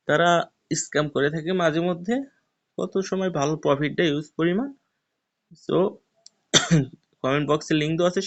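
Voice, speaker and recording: A man, casually talking viewers step by step through a tutorial on his channel. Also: a little high. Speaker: YouTuber. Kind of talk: screen-recorded tutorial walkthrough. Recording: dull lo-fi voice recording.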